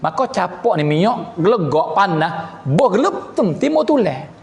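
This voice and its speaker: Preacher guy, patani malay accent, high voice, lots of hall echo, animated storytelling sermon. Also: normal speed, gravelly. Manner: animated, repeats a low refrain. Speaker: religious preacher. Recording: echoey hall reverb.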